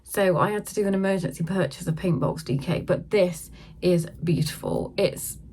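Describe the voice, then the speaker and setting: A middle-aged woman chatting through a casual yarn haul, filmed on her phone at home and sometimes talking softly so a sleeping baby stays asleep. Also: on the low side, normal speed, breathy edge. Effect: filmed on a phone camera. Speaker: craft vlogger.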